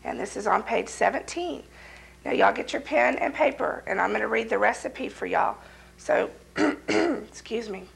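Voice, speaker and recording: A woman hosting a local TV cooking show, hoarse from a cold, folksy and chatty with her viewers. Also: on the high side, lively intonation, moderate pace, poor audio.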